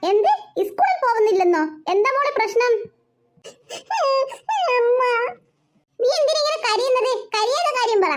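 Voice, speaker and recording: Brief: woman as a patient, questioning cartoon mom, very high voice. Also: animated, moderate pace, pauses often, slight background noise. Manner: coaxing, questioning. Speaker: mother. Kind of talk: cartoon voice acting.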